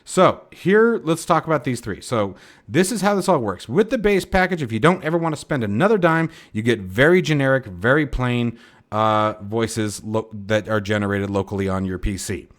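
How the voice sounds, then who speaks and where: A man's voice: mid-range voice, expressive, moderate pace. A man hosting a flight sim video, explaining things in a casual, emphatic way and often checking in with "okay?". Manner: emphatic, peppers lines with "okay?".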